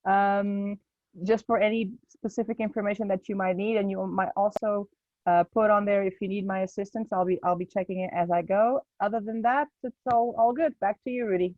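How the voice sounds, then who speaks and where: A woman helping run a club meeting over a video call, explaining the chat and adding brisk, friendly remarks. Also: mid-range voice, steady tone, no echo. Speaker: meeting tech helper. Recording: dry, dull video-call audio.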